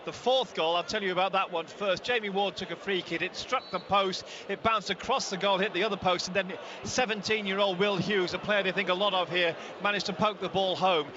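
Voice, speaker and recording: High-pitched male reporter at a noisy ground. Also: fairly even intonation, fairly quick, hardly any pauses, dull audio. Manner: fluent, projecting over the crowd. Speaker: match reporter. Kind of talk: live stadium report. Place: football stadium. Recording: noisy stadium feed. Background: crowd and stadium noise.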